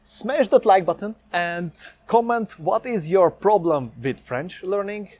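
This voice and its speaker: In an upbeat language-learning vlog, a young Hungarian man, Hungarian-accented, speaks directly to the camera with energy and lots of hand gestures. His voice sits high and he talks a little slowly. The dry recording comes from a lapel mic, medium framing, indoors by a plain light wall.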